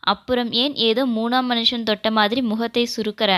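A woman's voice: on the high side, fairly even intonation, moderate pace, fairly bright tone, lightly acted. A woman reading the part of a wounded, angry young husband in a romance audio novel, in a bitter, accusing tone.

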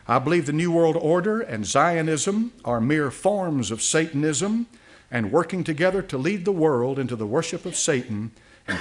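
An older man preaching a sermon from a church podium, reading aloud and commenting with many fillers and restarts. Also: a little high. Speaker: pastor. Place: church sanctuary. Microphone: podium mic.

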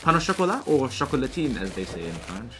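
A man's voice: mid-range voice, sing-song, fast. A man with a New Zealand accent chatting playfully in a casual food vlog at home. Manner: playful, enthusiastic, stumbling restarts. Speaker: food vlogger. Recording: light music behind.

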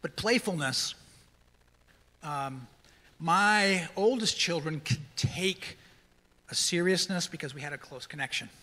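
A man's voice: on the high side, measured pace, long pauses, sharp tone. A middle-aged man, a counselor, gives a conversational church teaching talk and keeps checking in with "right?". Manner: conversational, tags many lines with "right?". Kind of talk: sermon-style teaching talk. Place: large church hall. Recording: long hall reverb.

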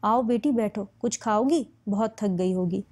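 A woman reading an affectionate middle-aged mother in a storybook, fond and fussing over her daughter. The tone is mellow and warm, close to the reader's own voice. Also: mid-range voice, unhurried, close to an everyday voice. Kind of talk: audiobook reading.

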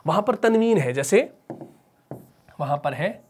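A man with a Pakistani Urdu accent teaches tajweed in a patient, step-by-step way, asking a question and then answering it himself. His voice sits fairly high for a man. He slows into melodic chanting when he recites the verses. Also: lively intonation, darkish tone, slight background noise.

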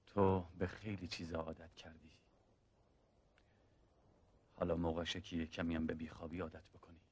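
An actor playing a seasoned male soldier who calmly mentors a younger comrade and recounts the war. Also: sits low, slightly rough. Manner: calm, measured storytelling. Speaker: older soldier in war film.

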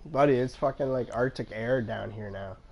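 A man's voice: mid-range voice, normal speed, vocal fry, a little mellow. A man chatting casually while playing a game, swearing freely and calling everyone bud. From Canada. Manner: laid-back, swears a lot, calls everyone bud. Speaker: gaming video host. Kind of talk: casual gaming chat.

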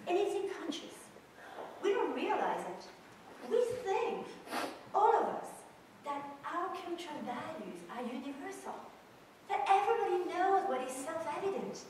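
A woman lectures from a stage in a big auditorium, her slightly high voice caught by a camera far back in the seats. The hall rings with a long, roomy echo, and a faint hum of the crowd sits underneath. She talks directly and with animation. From Switzerland. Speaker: guest speaker on business culture. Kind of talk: public lecture. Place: large auditorium with audience. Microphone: far camera in the audience. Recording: echoey hall recorded from far off.

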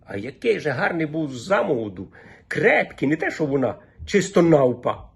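A man voicing a gossipy old village woman who speaks in a Volhynian dialect, chattering rapidly in a raised pitch. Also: big pitch swings, vocal fry, husky, exaggerated voice. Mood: gossiping.

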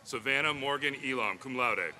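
Man announcing names with a bright tone. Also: mid-range voice, moderate pace. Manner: steady, clear formal announcing. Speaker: commencement name reader. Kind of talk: reading graduates' names at a ceremony. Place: outdoor graduation ceremony under trees.

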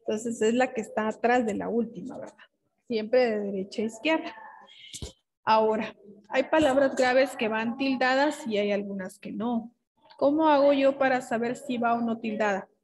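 A young woman teaches a grammar lesson, explaining each step patiently. She keeps checking that her pupils follow. Her voice sits a little on the high side. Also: moderate pace, a little mellow, rough recording.

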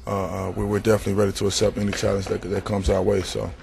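Young male player, fast and gravelly, stock sound-bite answers into reporters' mics. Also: on the low side, completely flat delivery, darkish tone, a little hiss or hum. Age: young adult. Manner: stock answers, repeats words. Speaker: basketball player. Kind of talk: post-practice media interview. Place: indoor practice gym. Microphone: cluster of handheld reporter mics.

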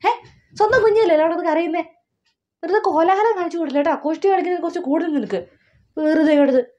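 A woman acting as a nagging middle-aged mother in a comic family skit, scolding with rapid questions. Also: very high-pitched, dark tone, dull audio. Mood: hushed scolding. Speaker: mother of a new mother.

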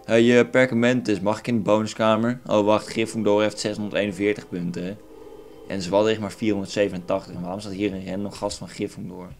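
This young man has a fairly low, level voice and a Dutch accent, and he talks fast while commentating his own game. His let's play banter is crude, joking and meandering, set against faint game music.

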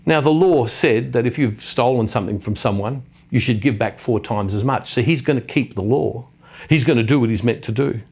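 A man's voice: medium pitch, a little fast, a little mellow, slightly rough. A middle-aged man giving a reflective sermon on scripture, earnest, repeating his phrases and putting questions to his listeners.

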